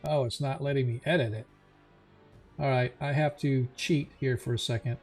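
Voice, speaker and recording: Man, gravelly creaky voice, game master, casual tabletop play, music behind. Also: mid-range voice, fairly even intonation, normal speed, a little mellow. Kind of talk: running an online tabletop roleplaying game, casual.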